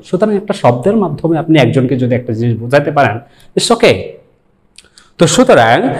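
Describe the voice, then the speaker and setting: A man from Bangladesh, an English teacher giving a lecture, talking in a relaxed way, mixing in English words and asking rhetorical questions. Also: fairly high pitch. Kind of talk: explanatory lecture.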